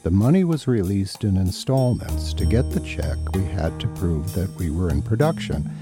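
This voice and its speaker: Male host, scripted podcast narration. Low-pitched, expressive, wry and self-deprecating, over a music bed. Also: moderate pace. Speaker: podcast host and series writer-producer. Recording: music behind the voice.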